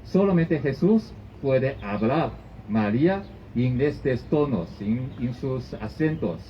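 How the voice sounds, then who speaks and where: A man preaching a sermon as pastor, in halting phrasing that often restarts and repeats. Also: medium pitch, animated. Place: church service. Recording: dull lo-fi recording with faint noise.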